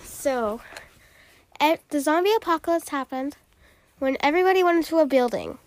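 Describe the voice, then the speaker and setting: A woman playing an excitable young apocalypse survivor. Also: high-pitched, moderate pace. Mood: explaining. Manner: blurts out sudden announcements. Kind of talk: improvised home role-play.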